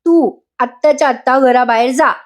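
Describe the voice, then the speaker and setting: A woman's voice: high voice, normal speed, close to an everyday voice. Commanding middle-aged matron , read by a woman. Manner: brusque, commanding.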